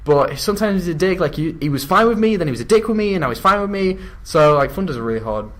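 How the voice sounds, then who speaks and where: A man's voice: high voice, expressive, quick pace. A young man with an English accent, a gamer chatting casually, rambling and laughing as he talks. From England. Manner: chatty, drifts into mock voices and laughs. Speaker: YouTube gamer. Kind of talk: casual chat.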